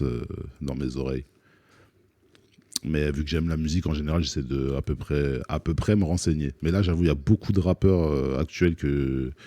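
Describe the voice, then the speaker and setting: On a studio set, a rapper in his thirties appears as a guest on a live music stream, answering questions in a relaxed, joking way. His very low, dark voice comes loosely, full of pauses and "euh" fillers, and the sound is close and dry with no room echo.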